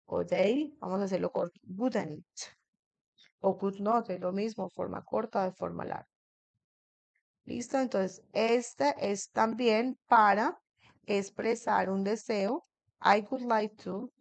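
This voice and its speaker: A woman's voice: medium pitch, takes it slowly, vocal fry, no echo. A woman teaching an English grammar lesson in a classroom. She keeps checking in with her students and asks them questions.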